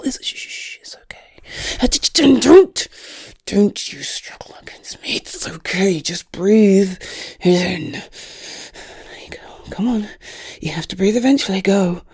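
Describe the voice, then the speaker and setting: A woman voicing an obsessive, unhinged female stalker in a whispered audio roleplay, crooning slowly and intimately in a breathy voice. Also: a bit bright. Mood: menacing soothing. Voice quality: breathy whisper with creaky low tones. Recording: roomy echo.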